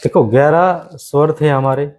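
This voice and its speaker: A male grammar teacher giving an exam-prep lesson. He repeats key phrases slowly for students to write down and keeps calling the class "my friend". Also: on the high side, darkish tone, low-quality recording.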